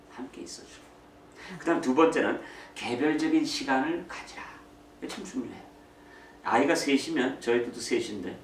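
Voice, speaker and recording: Middle-aged man, church parenting talk, animated storyteller who acts out quotes and mixes in English; roomy, distant mic, faint hall ambience. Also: medium pitch, slight background noise. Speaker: speaker on parenting. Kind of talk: church talk on raising children.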